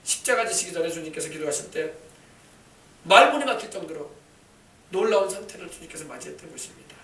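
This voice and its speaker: A male pastor with a slightly high, bright, animated voice preaches passionately and fast, frequently calling for an amen. The sermon is recorded from a distance in an echoey church sanctuary.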